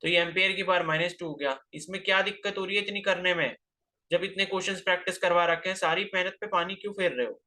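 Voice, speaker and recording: A man's voice: high voice, fast talker, pushed and bright. A man teaching a physics class, lecturing and scolding his students with rhetorical questions, terms into his speech.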